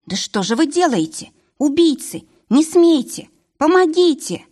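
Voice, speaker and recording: A panicked young woman in a spoken storybook, her voice pitched high and pushed loud. Her pleading cries come in shrill bursts, as a female narrator puts her on. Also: very animated, a little slow. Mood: frantic pleading.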